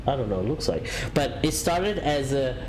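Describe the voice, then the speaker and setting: A man with a mid-pitched, very animated voice rambles at normal speed while live-streaming a flight simulator, faint noise in the background. His first language is Italian, and his casual chat is full of fillers and restarts as he reads out messages from chat.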